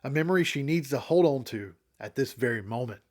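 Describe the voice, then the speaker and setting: Measured man narrating a comic recap. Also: medium pitch, lively intonation, a little mellow. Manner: measured, analytical. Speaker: comic book reviewer.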